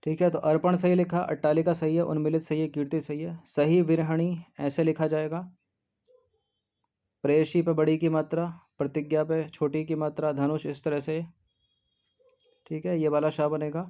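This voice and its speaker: Flat, methodical male Hindi tutor. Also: fairly high pitch, normal speed. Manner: methodical, reads options aloud and eliminates them one by one. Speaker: exam-prep teacher. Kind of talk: explaining a Hindi test paper. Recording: dull lo-fi recording.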